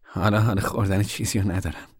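A steady, protective young man, as a male reader voices him, in a storybook reading. He talks plainly and reassuringly, slightly above the reader's own low voice, in a dry, close sound. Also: slightly rough, no room sound.

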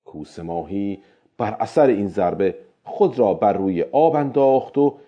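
A man narrating a story in a steady, measured reading voice. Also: fairly low pitch. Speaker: audiobook narrator. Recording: dull lo-fi recording.

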